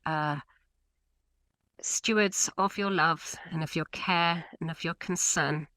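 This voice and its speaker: A woman with a Scottish accent hosting a church webinar and leading a prayer in a measured, earnest way. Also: lowish voice, pushed and bright, dry recording, low-quality recording. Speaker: webinar host.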